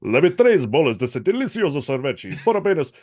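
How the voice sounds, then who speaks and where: A man putting on the voice of an upbeat supermarket loudspeaker announcer, in an exaggerated sing-song announcing manner. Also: on the high side, big pitch swings, brisk, no echo, clean studio sound, voice pushed up. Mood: salesy.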